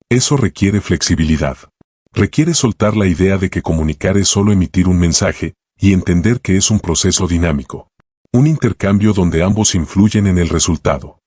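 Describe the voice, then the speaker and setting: Low-voiced, husky man for calm self-help audiobook narration, measured phrasing, dry close sound. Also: dry recording. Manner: calm, measured delivery in short reflective phrases.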